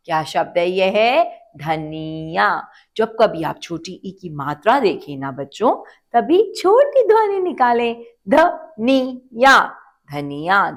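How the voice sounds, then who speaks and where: A woman teacher giving a children's phonics lesson, stretching out syllables and asking the kids to repeat words. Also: medium pitch. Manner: slow, drawn-out syllables, asks children to repeat.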